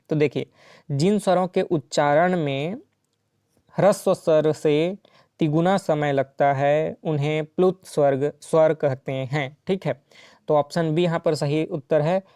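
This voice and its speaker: A man tutoring for an exam, his voice mellow and smooth, recorded dry and close. He works through each question step by step and checks in often with the listener. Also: fairly high pitch, no echo. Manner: explains step by step with frequent "ठीक है" and "है ना". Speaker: teacher solving exam questions. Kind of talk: exam-prep lesson.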